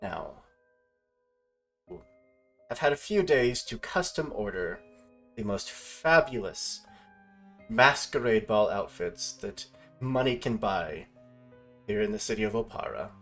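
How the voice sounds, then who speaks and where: A game master narrates a tabletop session in a slow, measured way, stopping and restarting as he finds his words. Soft music sits quietly behind his voice. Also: fairly low pitch, expressive. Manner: hesitant, restarts while describing scenes. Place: online stream with players.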